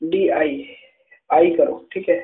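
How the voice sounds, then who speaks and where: A man teaching an English grammar lesson, patiently dictating notes and checking in with "okay" as he goes. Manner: patient, repeats "ठीक है" and dictates slowly. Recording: echoey room over tinny phone-like line.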